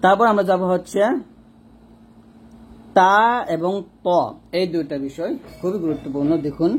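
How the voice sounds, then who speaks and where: A man teaching Quran reading, slowly drilling and repeating each letter sound with drawn-out vowels. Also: sits high, breathy edge, soft background music. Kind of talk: spoken tutorial lesson.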